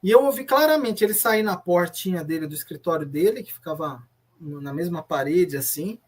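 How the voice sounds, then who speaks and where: In an interview, a man with a Brazilian Portuguese accent gives personal testimony as a former church member, earnest and reflective as he retells memories. His voice sits on the high side with a breathy edge, lively intonation and a fairly quick pace, and he often restarts his sentences.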